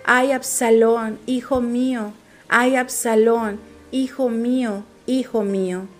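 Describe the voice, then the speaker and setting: An old king from a scripture story, slow and weighty in every word, as a woman reads him. The delivery is drawn out. Soft music plays underneath. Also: on the high side, fairly even intonation. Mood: lamenting.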